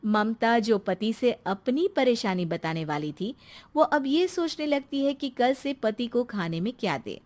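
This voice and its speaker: A woman's voice: on the high side, lively intonation, measured pace, darkish tone. A woman narrating a scripted cartoon story as its storyteller.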